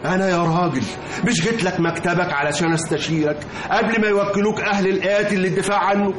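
A man's voice: high voice, steady tone, fast, natural voice. An actor playing a grieving older father of a murdered son, accusing and sarcastic, with an Egyptian accent. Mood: bitter accusing. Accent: Egyptian Arabic. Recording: echoey old radio drama with hiss.

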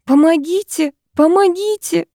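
Terrified young woman captive, pleading, panicked, higher voice, put on by a woman reader. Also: fairly even intonation, a little fast, warm tone, dry recording, studio quality, close to an everyday voice.

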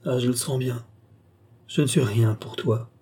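Un homme lisant un roman prête sa voix à une jeune femme passionnée et mélancolique, au ton bas et implorant. La voix est feutrée, un peu rauque, avec une diction soignée de livre audio. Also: male voice, mid-range voice, fairly even intonation, a little slow, mellow, husky. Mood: pleading. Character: young woman, tender, entranced and sorrowful.

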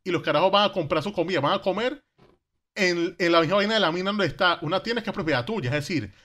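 A man's voice: high voice, fast talker, bright, forceful tone. A man with a Venezuelan Caribbean Spanish accent telling history casually, in slangy everyday speech, asking rhetorical questions and acting out quotes.

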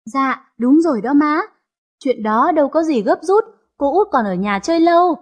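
A woman's voice: high voice, lively intonation, normal speed, highs cut off. A woman voicing a scheming young daughter-in-law, who stammers and pleads. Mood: coaxing.

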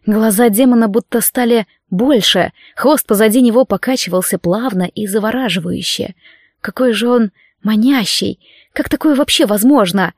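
A woman narrating a romance audiobook in an even, steady reading voice. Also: a little high, no room sound, studio quality.

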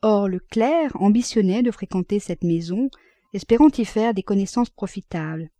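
A woman narrating a classic novel as an audiobook, reading at a measured, even pace. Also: mid-range voice, no room sound.

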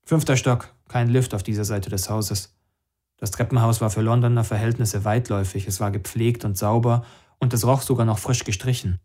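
A man's voice: medium pitch, normal speed. Man narrating a story steadily. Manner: steady, first-person storytelling. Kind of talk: audiobook narration.

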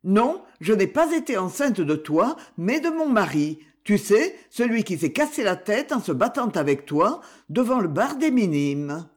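A man voicing a weary, determined woman in her seventies who asks quiet, insistent questions. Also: high-pitched, very animated, unhurried, few pauses, full character voice. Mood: pressing.

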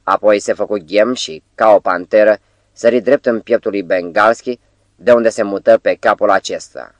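A man reads an audiobook in a measured, dramatic storytelling manner. His voice is on the low side. The recording is dry and close, with no room sound. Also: no room sound. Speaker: audiobook narrator. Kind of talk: scripted audiobook narration.

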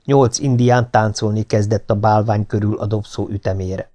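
A man narrating an adventure novel in the first person as an audiobook, in a steady, measured reading. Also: fairly low pitch.

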